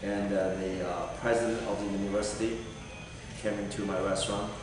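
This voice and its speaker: A man's voice: on the low side, little pitch movement, recorded from a distance. Earnest man, echoey hall. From Taiwan. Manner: earnest, halting, many fillers. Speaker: political candidate. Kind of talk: answering vetting panel questions. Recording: echoey hall recorded from afar.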